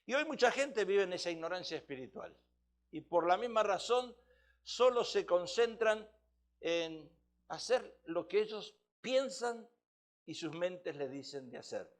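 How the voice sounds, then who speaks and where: High-voiced man preaching a teaching sermon. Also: animated, a little slow. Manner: emphatic, teacherly, asks rhetorical questions. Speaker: pastor.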